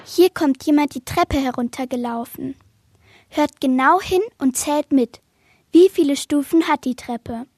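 A woman reading out quiz questions in a clear, instructive way. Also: sits high, measured pace, a little mellow. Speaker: quiz presenter.

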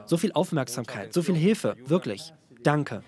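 A man's voice: fairly high pitch, big pitch swings, moderate pace, a crowd in the background. A man reading a voice-over translation of an interview in an earnest, plain manner.

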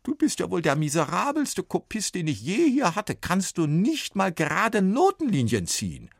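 Exasperated old copyist, put on by a man, high-pitched, quick, husky. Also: huge pitch swings, no room sound, clean studio sound, heavily acted. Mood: scolding. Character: fussy scolding older male copyist.

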